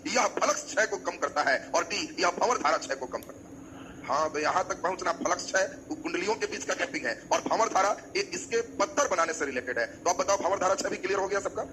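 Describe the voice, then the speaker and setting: A man's voice: high-pitched, lively intonation, fairly quick, bright, forceful tone, slight background noise, low-quality recording. A male teacher, giving an exam coaching lecture and quizzing his students by repeating key terms.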